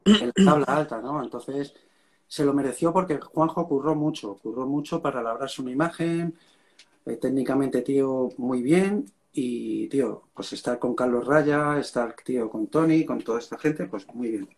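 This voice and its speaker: A man's voice: mid-range voice, moderate pace, a little mellow. A man with a Spain Spanish accent, a rock singer telling stories in a casual interview and dropping slang as he goes. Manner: casual storytelling, slangy, keeps saying "mate".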